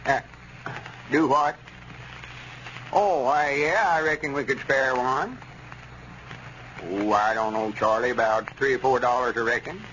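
An actor playing a folksy, self-assured rural Southern storekeeper in a 1930s radio comedy, drawling and homespun. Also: male voice, mid-range voice, measured pace, pauses often, a bit bright, lightly acted. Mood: neighborly. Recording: dull vintage radio recording, faint noise.

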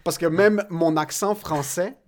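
A man's voice: fairly high pitch, unhurried. A young man hosting a podcast, speaking candidly and swearing freely, with English words slipped in. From Quebec, of Lebanese parents. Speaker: podcast host. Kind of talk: casual podcast chat.

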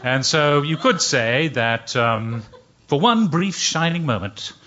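A man's voice: on the high side, animated, takes it slowly, a bit bright, muffled recording. An older man telling a comic story live, with a dry, wry delivery and playful put-on voices. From Britain.

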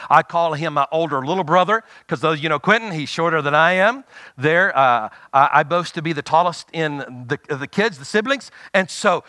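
A middle-aged pastor, preaching a sermon and urging the congregation to answer back. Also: male voice, fairly high pitch, bright, forceful tone, dry recording, clean studio sound. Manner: exhorting, call-and-response.

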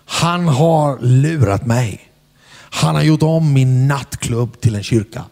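A man preaching a storytelling sermon, animated and calling out to the congregation whether they follow him. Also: mid-range voice, vocal fry. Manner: animated, asks the crowd "are you with me?"; shouts acted quotes in English. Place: church hall before a congregation. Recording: long hall reverb.

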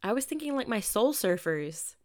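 A woman's voice: a little high, big pitch swings, moderate pace, darkish tone. A young woman hosting a podcast, giving casual, candid self-help advice with plenty of swearing. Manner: candid, profane, self-help pep talk. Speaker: podcast host.

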